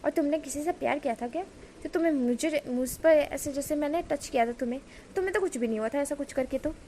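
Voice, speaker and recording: A woman plays a suspicious young man who keeps interrogating his partner. His voice sits high and turns insistent as he fires off question after question. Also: fast talker, dark tone, a little hiss or hum. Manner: interrogating, probing.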